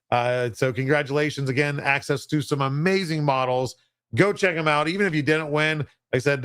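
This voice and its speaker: A man's voice: mid-range voice, no room sound, studio quality. A man hosting a livestream giveaway, announcing in a casual, chatty, unpolished and self-deprecating way.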